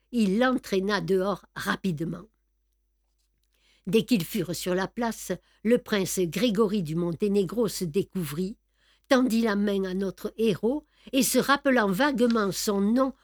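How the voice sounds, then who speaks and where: A woman reads a classic novel aloud at an unhurried, measured pace, with expressive storytelling. Her voice sits at a middle pitch, and the recording is dry and close. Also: dry recording. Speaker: narrator. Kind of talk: scripted narration of a classic novel.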